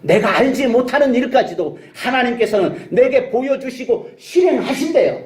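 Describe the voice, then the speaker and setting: A man's voice: very high-pitched, lively intonation, normal speed. A male pastor preaching a sermon, emphatic and full of rhetorical questions and calls of hallelujah. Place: church sanctuary. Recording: echoey church sanctuary.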